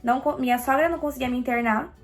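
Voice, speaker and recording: A young Brazilian woman casually telling a personal story, animated and acting out quoted lines. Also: sits high, very fast, faint music behind.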